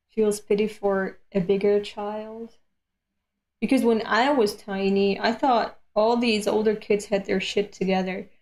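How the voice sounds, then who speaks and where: A woman's voice: medium pitch, darkish tone. A woman in her late twenties chatting casually on a live stream between comic readings, candid and self-deprecating, with casual swearing. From Europe. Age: late 20s.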